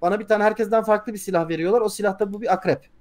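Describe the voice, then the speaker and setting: A man playing in a tabletop role-playing game, eagerly pitching ideas and telling a story. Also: fairly even intonation, a little mellow. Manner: eager, talks fast, tells stories with acted voices. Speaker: player. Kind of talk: casual tabletop role-play chat.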